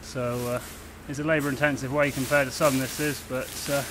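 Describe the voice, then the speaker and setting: A man's voice: medium pitch, level tone, a little fast, noisy background. A man in his twenties, a stockman working on a farm, talking plainly and practically while out of breath. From England. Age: 20s. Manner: plain-spoken, practical, with rustic grammar. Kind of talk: casual explanation while working. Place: outdoors at a farm barn.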